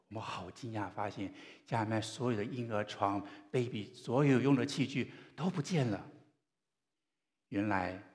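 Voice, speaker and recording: A man preaching in a church hall, his lowish voice carried by a long reverb. He tells stories in an earnest way and pauses gently between phrases. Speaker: pastor. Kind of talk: sermon.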